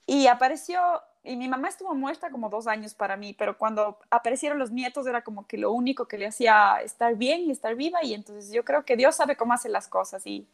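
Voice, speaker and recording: A woman's voice: on the high side, fast talker, few pauses. A woman, a guest athlete telling a personal story in a casual chat and acting out the voices of the people in it. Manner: animated, acts out quoted voices.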